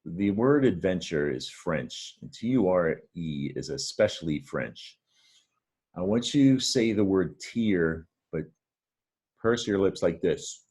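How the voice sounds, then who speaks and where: A man with a very low, husky voice gives a reading lesson. He talks patiently and encouragingly, walking the listener through each word step by step. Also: expressive, takes it slowly, darkish tone. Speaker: reading teacher. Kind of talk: friendly reading lesson to camera.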